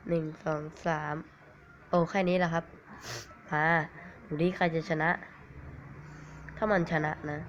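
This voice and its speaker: A man with a cold giving rambling, excitable commentary on a mobile game, swearing at it now and then. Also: a little high. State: has a cold. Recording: dull lo-fi recording with faint hiss.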